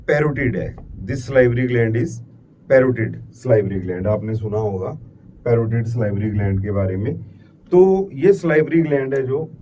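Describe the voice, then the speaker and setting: A middle-aged man with an Indian accent and a warm, mid-range voice teaches a biology class. He uses English terms, repeats key words, and poses questions he then answers himself, captured by a distant mic with faint background noise.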